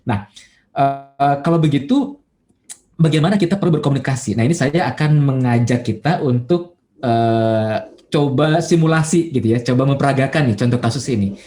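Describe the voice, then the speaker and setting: Mellow-voiced man giving a casual church talk. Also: mid-range voice, expressive, normal speed. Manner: conversational, many fillers and folksy asides; acts out everyday quotes in a livelier voice. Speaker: pastor. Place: church online service.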